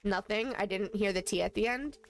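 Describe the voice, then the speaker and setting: A woman's voice: medium pitch, brisk. A woman streaming a video game live, chatting casually and thinking aloud as she plays. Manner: playful, answers chat.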